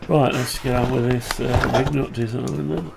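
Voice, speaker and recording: Stuffed up with flu and sounding tired, a man with a muffled, blocked-nose voice rambles through a casual hobby tutorial, muttering as he thinks aloud. His mid-range voice is steady and creaky at a normal speed, and the recording is very noisy.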